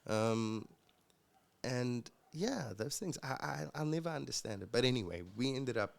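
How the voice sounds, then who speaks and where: A young man, a musician guest, telling his personal story in an earnest, reflective way with halting restarts. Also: medium pitch, animated, creaky. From South Africa.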